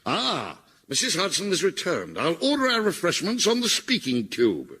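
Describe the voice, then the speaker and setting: A man plays a vain, pompous detective who teases everyone in a comic radio play. His pitch rises and falls a great deal, over a loud hiss. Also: huge pitch swings, normal speed. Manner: pompous and mischievous. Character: vain, pompous male detective, cheeky and boastful.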